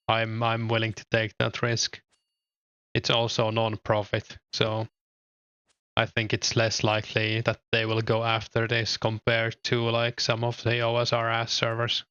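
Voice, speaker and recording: A young Finnish-accented streamer with a lowish male voice chats casually and a little hesitantly as he games and reads his chat aloud, relaxed and full of fillers. The tone is clean, with no echo, but the highs are cut off.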